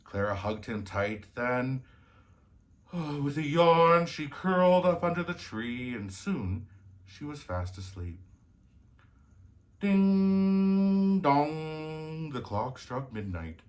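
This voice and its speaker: Jolly old Santa played by a man hosting storytime for children; slow, hearty, theatrical read at medium pitch. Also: big pitch swings. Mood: storytelling wonder. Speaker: storyteller host. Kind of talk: cheerful children's storybook reading.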